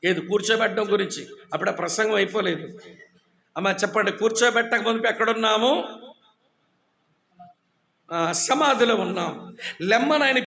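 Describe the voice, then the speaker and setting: A man with a high voice preaches a sermon in a church hall with ceiling fans. He keeps firing questions at the congregation and waits for their answers, and he teases the people who nod off. The sound rings with a roomy echo. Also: normal speed, gravelly, long pauses. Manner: teasing, humorous about dozing listeners; says he shouts loudly when preaching. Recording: echoey hall.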